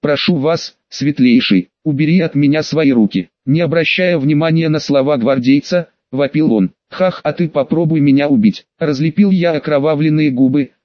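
A man narrating a fantasy audiobook, reading dramatically and dropping into lower, louder voices for characters. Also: normal speed, few pauses, dry recording, muffled recording.

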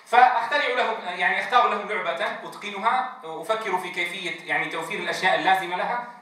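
A man lectures to a class of Quran teachers in a lecture room. He draws out letter names slowly as he demonstrates them and often checks whether everyone has followed. His forceful, high voice rings around the very echoey room. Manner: drawn-out demonstrations of letter sounds, frequent check-ins with the class. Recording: very echoey room, distant mic.

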